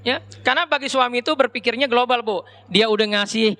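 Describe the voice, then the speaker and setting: Guy preaching casual, high ringing voice, keeps calling out to the dads and moms. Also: fast, pushed and bright. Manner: chatty, addresses audience directly as Pak and Bu. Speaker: Islamic preacher. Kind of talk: conversational religious lecture.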